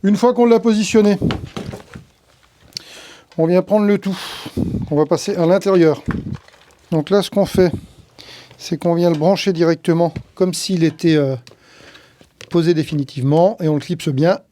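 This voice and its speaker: A faint hiss or hum sits under this recording of a tree-work pro giving an informal hands-on tutorial. His high, mellow voice moves at a moderate pace with long pauses as he explains steps and thinks aloud over the gear.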